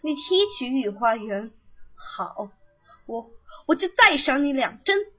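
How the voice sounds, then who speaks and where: A woman's voice: high-pitched, very animated, slow pace, bright, forceful tone, heavily acted. A woman playing a cruel old female palace servant who taunts and bullies a prisoner. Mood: sneering. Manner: taunting, bullying. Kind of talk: period palace drama acting.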